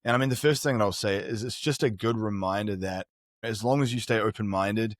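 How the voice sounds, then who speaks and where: A middle-aged New Zealander, a performance strategist appearing as a guest on a candid podcast interview, tells his life story in an earnest, reflective way. His voice is lowish and fairly quick, and the studio-quality recording is dry.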